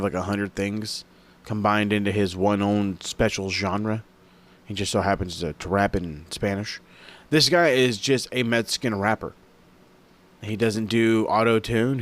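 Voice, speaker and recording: Young man, podcast host, rambling, profane, excitable, average pitch. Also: smooth. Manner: rambling, swears a lot, excitable. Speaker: wrestling review podcast host. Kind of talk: casual profane recap.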